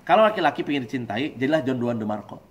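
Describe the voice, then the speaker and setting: A man giving a lively, joking religious study talk, acting out husband and wife voices. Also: mid-range voice, fast talker, crowd noise. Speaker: preacher.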